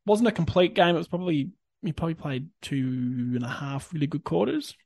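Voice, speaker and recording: A man's voice: on the high side, animated, brisk, creaky, darkish tone, slightly rough, no room sound. An Australian man with a slightly raised voice hosts a sports podcast. He talks in an informal, conversational way. The sound is close and very dry, with no room to it. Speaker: podcast host. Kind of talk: casual sports chat.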